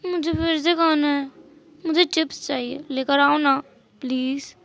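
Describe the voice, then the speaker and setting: A woman's voice: sits high, lively intonation, a little fast, no echo. A woman voicing a childlike grown man who whines and repeats his pleas in a storytelling fan dub. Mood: pleading.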